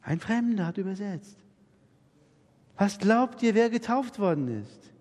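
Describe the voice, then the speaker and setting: A man preaches in a large hall, his voice bouncing around the room with a long echo. He speaks high and with lots of melody, and his tone is a little husky. He tells his stories vividly and acts out every conversation. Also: animated, unhurried, darkish tone. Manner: storytelling, acts out dialogue in voices. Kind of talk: anecdotal sermon. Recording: reverberant hall.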